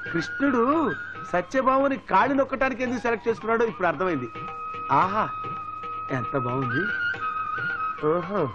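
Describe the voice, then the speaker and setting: An actor playing a cheeky comic servant who yelps and teases in a slapstick film. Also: male voice, very high-pitched, huge pitch swings, a little fast, pauses often, exaggerated voice. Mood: mischievous. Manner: cheeky, yelping, teasing. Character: cheeky young male servant, mischievous joker. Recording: dull lo-fi film soundtrack with music.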